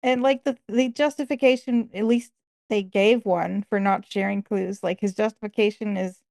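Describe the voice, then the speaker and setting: A woman's voice: medium pitch, fairly even intonation, moderate pace, creaky, a little mellow, dry recording, clean studio sound. A woman co-hosting a podcast, chatting casually about a film, joking and laughing often. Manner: chatty, jokey, frequent laughs. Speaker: podcast co-host.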